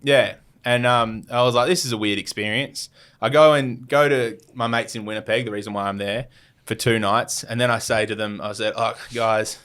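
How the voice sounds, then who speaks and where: A man's voice: mid-range voice, steady tone, normal speed, fairly bright tone. A young Australian man, a podcast guest, telling a travel story in a rambling way, with many fillers and restarts and acted-out quotes. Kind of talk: casual storytelling.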